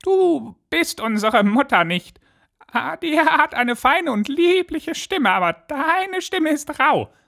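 Storybook goat kids, small and wary, shrill and lively. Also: male voice, slow pace, vocal fry, heavily acted. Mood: defiant. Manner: high squeaky falsetto. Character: seven frightened little goat kids.

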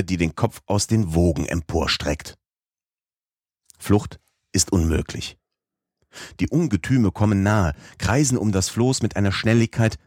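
Audiobook narrator: man, very low voice, measured first-person reading, dry close sound. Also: a little mellow, no room sound. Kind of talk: scripted narration.

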